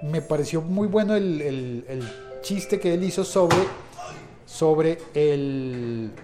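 A man's voice: on the high side, animated, slow. Man, podcast host, casual chat, hesitant restarts, faint background music. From not from Mexico. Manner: rambling, frequent restarts and hesitations, playful storytelling.

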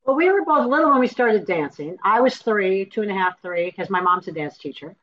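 A woman in her sixties from Wisconsin talks as an interview guest, chatty and animated as she tells her stories. Her pitch is mid-range, and her audio comes through a bit dull and muffled. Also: brisk. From Wisconsin, USA. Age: 60s. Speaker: guest, dancer. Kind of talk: interview storytelling.

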